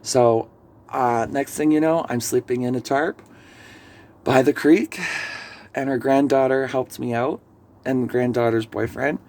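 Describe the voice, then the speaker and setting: A man's voice: mid-range voice, steady tone, measured pace, long pauses, darkish tone. A man sharing an earnest, emotional personal testimony as a vlogger, rambling as he tells his story.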